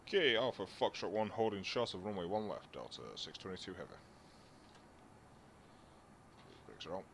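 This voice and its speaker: A man's voice: sits low, sing-song, quick pace, fairly bright tone. A man talking as a pilot to air traffic control, giving procedural radio calls and readbacks. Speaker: flight simulation pilot, livestreaming.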